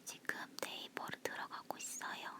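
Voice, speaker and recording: In this casual ASMR chat, a woman whispers in a soft, breathy, unvoiced way at a moderate pace. She's leaning in, recorded up close on a phone.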